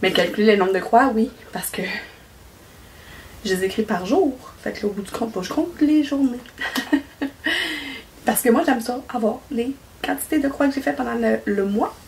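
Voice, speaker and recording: Chatty Québécoise woman, bright voice. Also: fairly high pitch, lively intonation, normal speed, vocal fry, pauses often. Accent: Québécois French. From Quebec. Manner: chatty, rambling, laughs often. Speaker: cross-stitch vlogger. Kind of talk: casual chat. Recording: voice a bit far from mic, faint noise.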